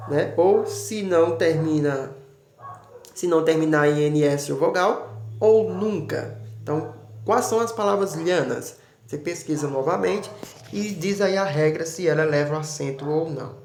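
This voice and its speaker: A man with a Brazilian Portuguese accent, a teacher steadily explaining a worksheet and drawing out example words slowly. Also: a little high, gravelly, a little mellow. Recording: roomy echo.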